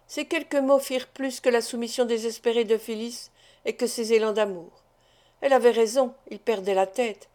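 A woman's voice: on the high side, mellow. A woman narrating a classic novel as an audiobook reader, reading expressively.

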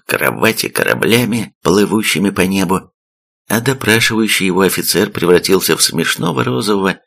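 A man reads a scripted story aloud in a low voice. His tone is gravelly and full of fry, and the telling stays steady and even. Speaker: audiobook narrator.

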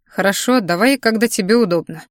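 Gentle grown man, as a woman reads him, soothing, teasing, dry close sound. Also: mid-range voice, fairly quick, dry recording, close to an everyday voice. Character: calm grown man, tender boyfriend.

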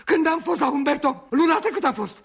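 Actor plays a quarrelsome aging clown, loud and stagey, with a high, gravelly voice. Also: male voice. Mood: indignant. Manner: loud, indignant, theatrical. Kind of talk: stage play acting.

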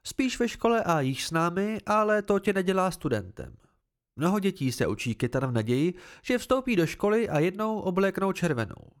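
Stern female sword mentor, blunt and lively-voiced, as a male reader puts her on for an amateur audiobook. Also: high-pitched, voice pushed up. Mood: instructive. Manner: blunt, instructive, measured.

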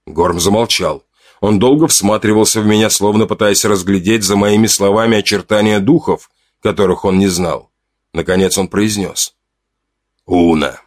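A man reading a first-person adventure audiobook with expressive, dramatic delivery. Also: on the low side, normal speed. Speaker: audiobook reader.

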